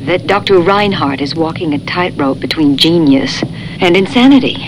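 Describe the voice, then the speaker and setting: Woman playing a low-voiced, sceptical space officer. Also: expressive, moderate pace, background noise, natural voice. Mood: wary. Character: perceptive, sceptical female space crew officer. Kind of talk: dramatised audio story acting. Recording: music playing behind the voice.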